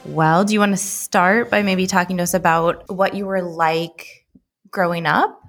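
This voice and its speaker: Upbeat woman podcast host, slightly low voice. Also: steady tone, unhurried, a bit bright, faint music behind. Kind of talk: casual chat and interviewing.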